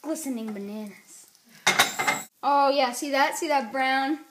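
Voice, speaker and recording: High-voiced woman cooking, slow and playful. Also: very noisy. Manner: playful, muttering to herself while cooking. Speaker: home cook vlogger. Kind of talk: casual cooking demo. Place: home kitchen. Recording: echoey kitchen, sizzling pan.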